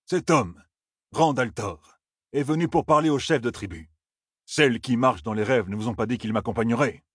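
Man reading a proud chief, firm formal tone, husky. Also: mid-range voice, moderate pace, dry recording, clean studio sound, pitched above the performer's own voice, natural voice. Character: proud male clan chief defending a stranger.

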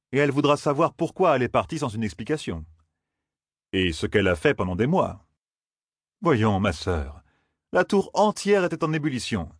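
A man's voice: medium pitch, no echo, clean studio sound, voice pushed up. A man doing a pushy, exasperated young noble. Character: impetuous young nobleman, protective brother. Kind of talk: audiobook character voice.

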